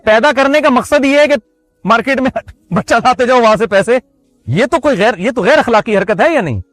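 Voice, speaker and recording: A man's voice: very high voice, lively intonation, fairly quick, a bit bright, no room sound, soft background music. A man from Pakistan giving a religious lecture as a preacher. He speaks conversationally, mixes in jokes, and asks his listeners many rhetorical questions. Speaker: Islamic preacher.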